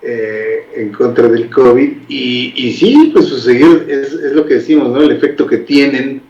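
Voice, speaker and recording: A man hosts a talk show in a loose, conversational way and is quick to agree. His voice sits away from the mic in a roomy space. The sound is dull and muffled. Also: medium pitch, darkish tone, far from the mic.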